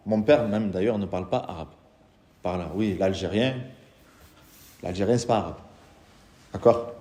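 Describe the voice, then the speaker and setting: An imam gives a religious lecture to a live audience, explaining patiently, putting questions to the room, and reciting Quranic Arabic. His voice is fairly low and mellow, at a moderate pace. The sound reverberates as in a hall.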